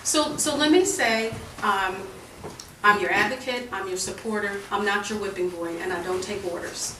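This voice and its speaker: A woman's voice: mid-range voice, pushed and bright, distant mic, slight background noise. A woman administrator speaking firmly and measuredly to student protesters, with frequent restarts. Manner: measured, firm, repetitive restarts. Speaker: university administrator. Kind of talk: tense negotiation with protesters. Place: indoor stairwell. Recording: echoey stairwell, recorded from afar.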